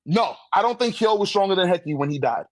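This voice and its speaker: In a laid-back debate over a manga ranking, a man with a high, animated voice makes his case quickly in slangy terms. He keeps checking whether the listener is with him and agrees. The recording is dry.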